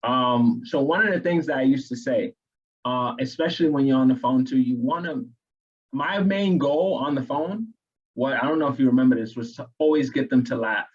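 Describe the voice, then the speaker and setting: Husky New York man coaching. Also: medium pitch, normal speed, highs cut off. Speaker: real estate agent co-host. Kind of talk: casual training chat.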